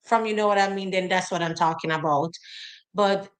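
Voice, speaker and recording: A woman's voice: on the low side, steady tone, brisk, rough recording. A woman with a Jamaican accent hosting a casual interview, friendly, putting viewers' questions to her guest with some hesitation. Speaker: host, teacher.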